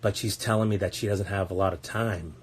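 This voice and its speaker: A man's voice: sits low, steady tone, fairly quick, a little hiss or hum. A man talking as a parenting coach on a casual podcast, blunt and earnest, swearing often and repeating words as he searches for them.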